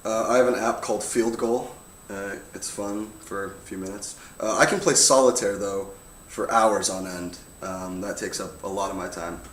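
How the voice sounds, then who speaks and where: A young man chatting casually on a livestream, answering fan questions with a relaxed manner, often laughing and letting his sentences trail off softly. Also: on the low side, moderate pace, distant mic. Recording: roomy, off-mic with faint hum.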